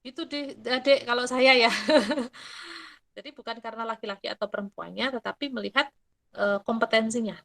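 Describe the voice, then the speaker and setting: A middle-aged woman explains things in a lively, chatty way. Her voice sits a little high, and she drops into quick acted quotes and local sayings. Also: vocal fry. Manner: animated, mixing in Javanese quips and acted quotes. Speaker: guest speaker. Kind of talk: casual explanatory talk.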